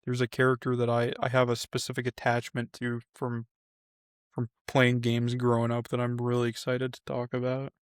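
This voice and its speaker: A man in his thirties riffing in a casual podcast chat, animated and playful. His voice sits mid-range and sounds close and dry, with little room around it. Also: mid-range voice, moderate pace, clean tone, no echo. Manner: animated, joking, says dude a lot. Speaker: podcast co-host.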